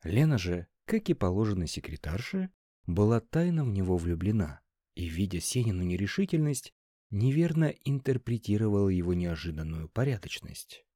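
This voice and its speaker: Male storyteller with lively intonation. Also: on the low side, moderate pace, no echo, clean studio sound. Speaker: narrator. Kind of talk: audiobook narration.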